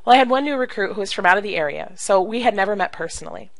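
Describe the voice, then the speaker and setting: A woman coaching direct sales in an animated, emphatic way, acting out phone calls as she teaches. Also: mid-range voice, rapid-fire, no room sound, poor audio. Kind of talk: coaching video talk to camera.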